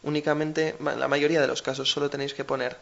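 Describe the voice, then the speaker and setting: A man's voice: on the high side, little pitch movement, fast, creaky, a bit bright, lo-fi sound. A man with a Spain Spanish accent co-hosting a language lesson, explaining patiently with everyday examples. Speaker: language teacher co-host.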